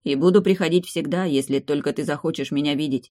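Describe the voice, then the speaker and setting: A narrator voicing a quiet, serious young male jester who gives soft, tender, brief replies. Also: fairly high pitch, fast talker, no echo, studio quality, natural voice.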